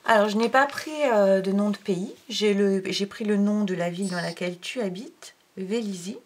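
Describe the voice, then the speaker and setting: A woman teaching handwriting to a young pupil, talking through each stroke step by step and counting aloud, sometimes dropping to a near-whisper. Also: mid-range voice. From France. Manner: slow, counting aloud while writing, drops to near-whisper. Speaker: primary school teacher.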